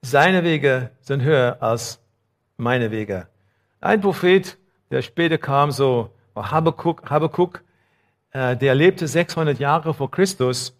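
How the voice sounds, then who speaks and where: A male pastor giving a sermon, talking conversationally to the congregation with many fillers and growing emphatic on scripture passages. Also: slow. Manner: emphatic, rising in pitch and volume on quoted laments.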